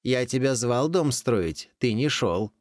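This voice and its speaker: A man's voice: mid-range voice, expressive, slow, dry recording, clean studio sound, pitched above the performer's own voice. A man voicing a clever, bold tomcat in a folk tale, coaxing the other animals in a raised voice.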